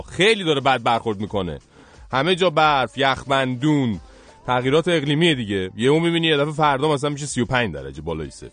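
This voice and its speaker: A man's voice: a little high, fairly bright tone. A man hosting a radio show, teasing his co-hosts in playful studio banter with sing-song greetings. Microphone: studio microphone.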